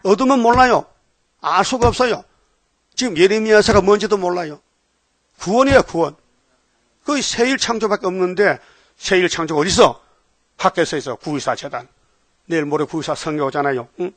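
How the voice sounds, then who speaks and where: A male pastor delivers an emphatic sermon, repeating his key words and putting rhetorical questions to the congregation. His voice sits fairly high. The recording is dry and close. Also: expressive, a little fast, pauses often, fairly bright tone, dry recording.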